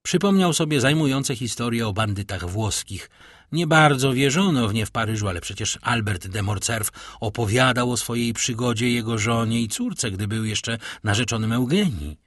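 Male audiobook narrator, husky, expressive storyteller, dry close sound. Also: mid-range voice, moderate pace, dry recording. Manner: expressive storytelling with vivid intonation. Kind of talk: scripted narration of a classic novel.

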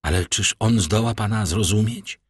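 A man's voice: fairly low pitch, moderate pace, slightly rough, no echo. A man reading a desperate young man. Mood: pleading.

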